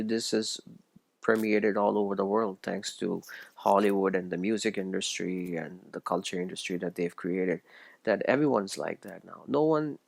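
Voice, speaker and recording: A man's voice: lowish voice, vocal fry, no room sound. A man from Pakistan, giving an earnest, preachy solo commentary and often stumbling and restarting his phrases. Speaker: video essayist. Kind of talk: solo religious commentary monologue.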